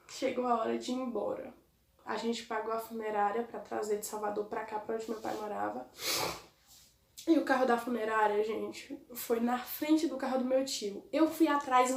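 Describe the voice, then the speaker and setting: Young woman telling a sad story softly. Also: a little high. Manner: soft, sorrowful, often addresses viewers as "gente". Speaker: vlogger. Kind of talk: emotional personal storytelling. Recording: echoey room, voice a bit far from the mic.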